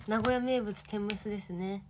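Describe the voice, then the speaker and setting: A woman's voice: mid-range voice, fairly even intonation, normal speed, slight background noise. A young woman in her twenties, an idol livestreaming, chatting casually and reading viewer comments with giggly, bubbly energy.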